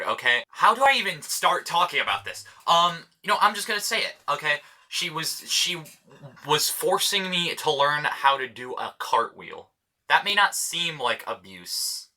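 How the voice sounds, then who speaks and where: Young man, vlogger, casual storytelling, swears freely, rambling asides, sharp bright tone. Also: medium pitch.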